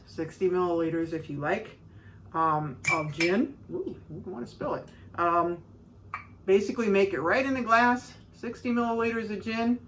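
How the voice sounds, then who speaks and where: A Midwestern American woman hosts her own home cocktail show, chatting casually and rambling through a how-to as she mixes drinks, with frequent fillers and asides. Her voice is fairly low and fairly bright. She sounds a bit distant from the mic, with a little hiss or hum.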